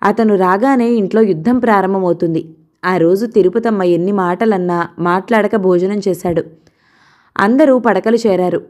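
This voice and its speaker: Mellow woman telling a story. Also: mid-range voice, moderate pace. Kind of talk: scripted story narration.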